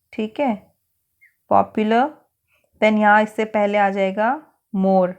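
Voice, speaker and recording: Indian lady teacher going thru a grammar worksheet, patient, spells stuff out letter by letter, normal pitch. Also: clear, resonant tone. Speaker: English teacher. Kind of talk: worksheet lesson for schoolchildren.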